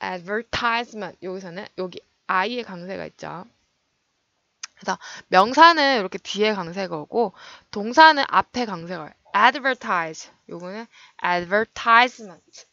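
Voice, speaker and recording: A woman teaching English vocabulary in a recorded lecture, her voice bright and edged with vocal fry. She explains meanings and stress, often slowing down to model pronunciation. The sound is dry and a little dull, like lo-fi lecture audio. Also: mid-range voice, animated, no echo.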